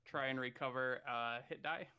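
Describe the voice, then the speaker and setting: A man's voice: medium pitch, normal speed, bright, forceful tone, clean tone. A young man playing a tabletop game in an easygoing, slightly hesitant way. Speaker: player.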